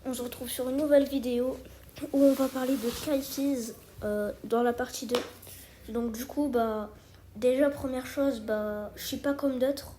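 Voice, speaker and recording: Casting: youngster for casual creator commentary, soft dark tone, hesitant informal delivery, slightly noisy recording. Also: sits high, fairly even intonation, measured pace. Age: child or young teenager. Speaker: video creator addressing subscribers. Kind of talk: casual spoken commentary to subscribers.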